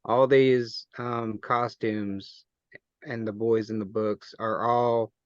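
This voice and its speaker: A man in a casual podcast book discussion, speaking in a measured way as he sums things up. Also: on the low side, flat delivery, smooth, no echo, lo-fi sound. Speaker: podcast panelist.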